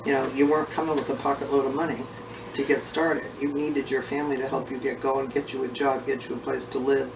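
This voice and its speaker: A man who is short of breath, talking casually and haltingly with frequent pauses as he recalls family history in an oral history interview. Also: mid-range voice, flat delivery, creaky. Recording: roomy, distant mic, faint background noise.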